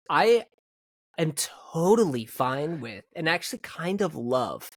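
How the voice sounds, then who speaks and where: A man's voice: fairly high pitch, dry recording, studio quality. A man co-hosting a sports podcast, giving emphatic, opinionated takes with frequent restarts. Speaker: podcast co-host. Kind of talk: casual sports podcast chat.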